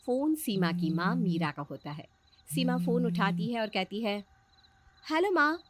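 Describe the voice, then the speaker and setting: Lively woman storybook narrator. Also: medium pitch, measured pace.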